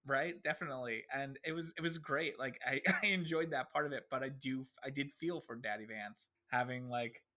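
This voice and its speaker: A man's voice: mid-range voice, normal speed, hardly any pauses, pushed and bright. A man co-hosting a casual podcast, talking animatedly and swearing freely while he acts out characters' lines. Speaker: podcast co-host. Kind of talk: casual chat.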